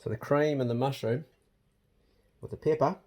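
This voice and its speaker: Mellow man with a broad Kiwi accent. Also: medium pitch, moderate pace. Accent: broad New Zealand. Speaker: vlog host. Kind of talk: casual vlog chat.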